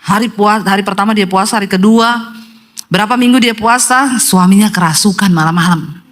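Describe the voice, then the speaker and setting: A woman pastor preaching a sermon in a lively storytelling manner, often addressing the congregation directly. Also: mid-range voice, fairly quick.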